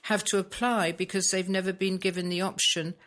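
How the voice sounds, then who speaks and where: A British woman living in Spain, talking through a current issue in casual conversation, pausing often with ums as she searches for words. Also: medium pitch, level tone, a bit bright. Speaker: expat blogger discussing Brexit.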